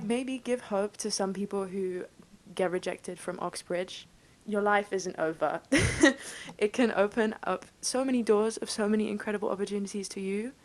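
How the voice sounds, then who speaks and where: A young English woman in her twenties vlogs from her bedroom, chatting to camera bubbly and enthusiastic, laughing often. Her voice is medium-pitched, and her English accent has a slight Dutch tinge. Audio quality is poor.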